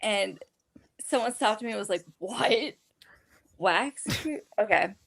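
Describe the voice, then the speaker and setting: A woman's voice: mid-range voice, moderate pace, vocal fry. A woman co-hosting a music podcast, giggly and self-deprecating in casual chat. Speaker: podcast co-host.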